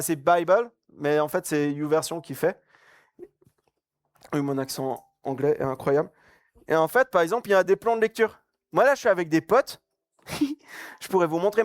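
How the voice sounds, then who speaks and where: A man's voice: fairly high pitch, no room sound, clean studio sound. A young man giving a casual, joking sermon at a youth camp. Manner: joking, chatty, laughs often. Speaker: camp speaker.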